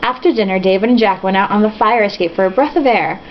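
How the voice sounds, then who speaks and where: Quick and mid-range, a woman's voice reads from a novel with a host's mocking commentary. The mood is a tipsy drinking game, casual and funny, peppered with profane, sarcastic remarks. Sound quality is dull lo-fi with faint hiss.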